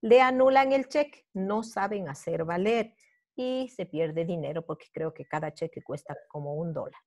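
A woman's voice: deep voice, moderate pace, warm tone. A middle-aged woman teacher, patiently explaining a review lesson step by step and checking in with her students. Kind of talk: online class review.

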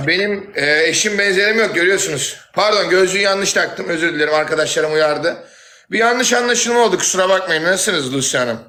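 A man hosting a livestream, teasing his guest and breaking into loud shouting. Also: sits high, a little fast, soft background music. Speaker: livestream host. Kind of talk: rowdy livestream banter.

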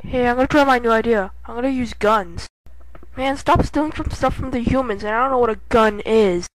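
A performer voicing an excitable, hot-headed bird in an amateur cartoon parody. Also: mid-range voice, brisk, close to an everyday voice. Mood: eager. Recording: noisy amateur audio with gunfire clicks.

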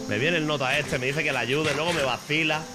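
A Spanish-accented man from Spain streams a game with casual commentary, getting excitable, swearing and breaking into shouts. His voice is a little high and a little fast, and there's noise in the background.

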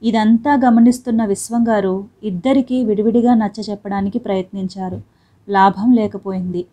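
A woman narrating a family drama story in a steady, even reading voice. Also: mid-range voice, normal speed.

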